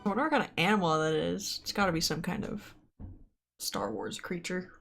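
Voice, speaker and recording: A young woman hosting a movie reaction, chatting casually with giggles and excited exclamations. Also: lowish voice, fairly quick, vocal fry, faint music behind. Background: film audio.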